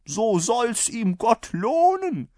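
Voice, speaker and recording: Man playing a bold dusty old-time cavalryman, loud and high-pitched, unbothered by danger, dry close sound. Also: sing-song, takes it slowly, no echo, full character voice. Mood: brash. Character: brash dusty male Prussian cavalryman, unflappable. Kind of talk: dramatic reading of a classic anecdote.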